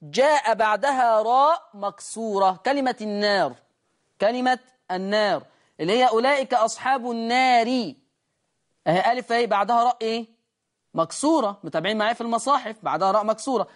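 Egyptian man teaching Quran recitation. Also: very high-pitched. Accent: Egyptian Arabic. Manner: asks himself questions and answers them, drawn-out demonstrations of sounds. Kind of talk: recitation lesson. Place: teaching room with a board.

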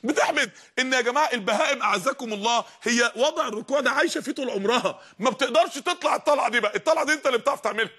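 A man's voice: very high-pitched, rapid-fire, few pauses, pushed and bright, slightly rough. A man preaching with an Egyptian Arabic accent, fervent and emphatic, raising his voice at times. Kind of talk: energetic religious lesson.

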